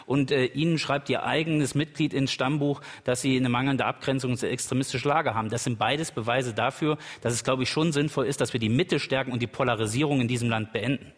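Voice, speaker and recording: A man's voice: medium pitch, fairly quick, few pauses. Combative man debating in a hall. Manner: assertive, combative, with hesitation sounds. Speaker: party politician in a panel debate. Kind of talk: televised panel debate. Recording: hall with long reverb.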